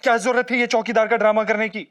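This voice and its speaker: A man's voice: high voice, level tone, fast talker, a bit bright, smooth. An actor in a sitcom playing a grown man who scolds his reckless friend and grumbles to himself about the trouble ahead. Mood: scolding. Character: exasperated male friend and co-schemer, scolding. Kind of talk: sitcom acting.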